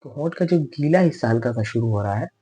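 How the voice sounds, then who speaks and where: Male teacher, husky voice, patient step-by-step pronunciation lesson with slow repeated drills. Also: mid-range voice, expressive, dark tone. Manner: patient, repeats letter sounds slowly for students to copy. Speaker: Tajweed teacher.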